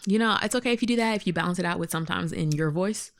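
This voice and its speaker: A woman's voice: fairly low pitch, racing. A woman co-hosting a podcast, giving advice in casual, chatty talk. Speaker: podcast co-host. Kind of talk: casual chat.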